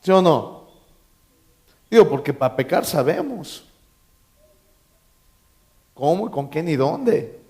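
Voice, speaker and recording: A man's voice: fairly high pitch, very animated, takes it slowly, long pauses, mellow. A man preaching a sermon as pastor, emphatic, repeating key phrases and quizzing his congregation with joking asides. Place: church.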